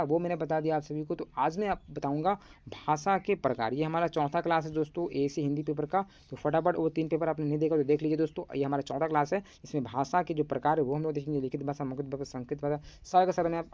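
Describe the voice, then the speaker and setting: A man's voice: on the high side, steady tone, fast talker, darkish tone, dry recording. A young man teaching an online class in a casual, chatty way, often calling his listeners friends.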